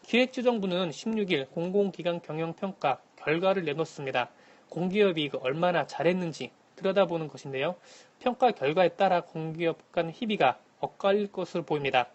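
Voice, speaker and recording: A man calling in to a radio show as a correspondent, giving a formal, scripted economic briefing in a measured manner. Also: fairly high pitch, highs cut off. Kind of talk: scripted news briefing, answering by phone. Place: phone link to a radio programme.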